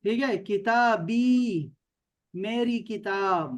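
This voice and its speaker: In an online class, a Pakistani man teaches Arabic with patience, repeating words and making sure his students keep up. His voice is high.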